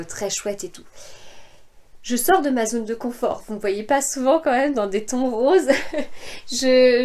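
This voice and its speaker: Chatty French woman, full of pauses. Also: fairly high pitch, a little mellow. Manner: hesitant, many fillers and restarts. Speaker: sewing podcaster. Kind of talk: casual chat about sewing projects.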